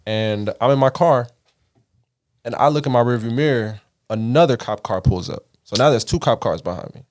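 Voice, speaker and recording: A man's voice: medium pitch, normal speed, a little mellow. A man from the Caribbean, hosting a podcast, telling a story in a casual, profane way and acting out the voices he quotes. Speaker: podcast host.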